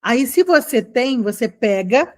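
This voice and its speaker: A middle-aged woman teaching an English lesson in a chatty, encouraging way, slowing down to model phrases. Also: fairly high pitch, lively intonation, darkish tone. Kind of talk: casual online English lesson.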